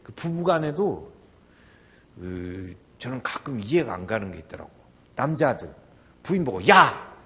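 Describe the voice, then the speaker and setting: An older man preaching a sermon as pastor, animated, often acting out the people in his stories. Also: on the low side, moderate pace, long pauses, husky. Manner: animated, acts out quoted voices.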